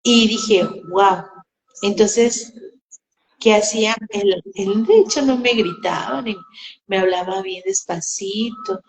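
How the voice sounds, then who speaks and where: A woman's voice: medium pitch, slow pace, a little hiss or hum. A woman telling personal stories in a casual live conversation, acting out quoted dialogue. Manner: animated storytelling, acts out quoted dialogue. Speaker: host. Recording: echoey room.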